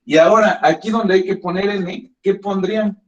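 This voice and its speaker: A man's voice: sits high, fairly even intonation, normal speed. A man teaching a math class, patiently guiding students step by step. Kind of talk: classroom lesson. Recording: echoey classroom, dull lo-fi sound.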